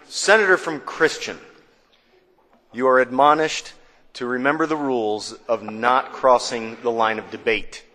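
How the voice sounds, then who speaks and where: Bright-voiced man presiding over a senate. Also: medium pitch. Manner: brisk, formal parliamentary phrasing. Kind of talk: formal floor procedure. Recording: reverberant legislative chamber.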